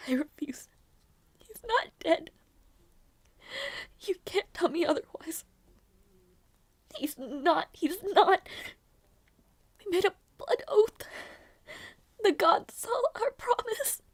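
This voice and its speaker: Grieving loyal young princess for audio roleplay, played by a woman: slow, halting, intense, close dry sound. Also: very high-pitched, lively intonation, no room sound, exaggerated voice. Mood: tearful, defiant. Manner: halting, repeating words, emotionally intense. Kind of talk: dramatic audio roleplay acting.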